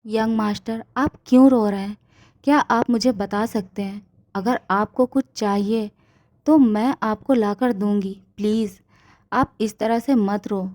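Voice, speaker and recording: A woman voicing a gentle, anxious female servant who talks in a soft, coaxing tone. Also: mid-range voice, fairly even intonation, measured pace, natural voice.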